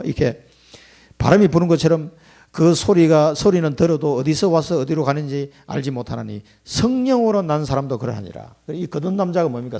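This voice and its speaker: A man's voice: fairly high pitch, vocal fry, dark tone. A middle-aged male pastor giving a conversational sermon, telling stories with chuckling asides.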